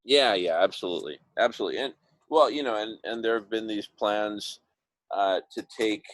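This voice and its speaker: A man with a fairly low voice hosts a casual online discussion. He rambles in an idealistic, enthusiastic way, repeating phrases for emphasis. He is speaking through earbuds on a video call. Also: normal speed, fairly bright tone, low-quality recording. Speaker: host of an online group discussion. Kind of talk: casual, rambling visionary talk.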